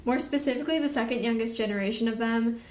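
A young woman co-hosts a podcast, talking fast in a slightly high, darkish voice. The casual chat is loaded with fillers and offhand swearing. The room sounds echoey.

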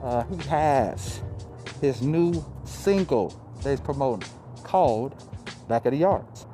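Warm, expressive and mid-range, a man's voice moves slowly through his casual motivational podcast. As host he swears and repeats points for emphasis. Speaking through a face mask into a close podcast mic leaves him slightly muffled, and music sits in the background.

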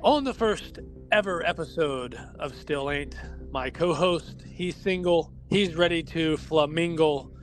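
A man's voice: fairly high pitch, measured pace. Upbeat man hosting a sports podcast. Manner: upbeat, announcing names in a list. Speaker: podcast host. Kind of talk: casual sports podcast chat. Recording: music bed under the talk.

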